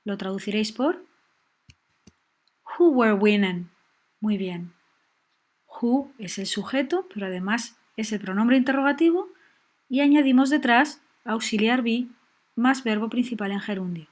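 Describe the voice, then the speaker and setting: Woman teaching grammar, slightly high. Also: measured pace, long pauses. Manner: clear, patient explaining with frequent check-ins. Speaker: English teacher. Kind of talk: grammar lesson.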